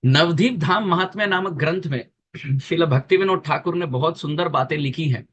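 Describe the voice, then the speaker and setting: A man giving a devotional sermon, explaining earnestly with emphatic repetition and chanting verses in a slow, drawn-out voice. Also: on the high side, a bit bright, husky, highs cut off. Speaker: preacher.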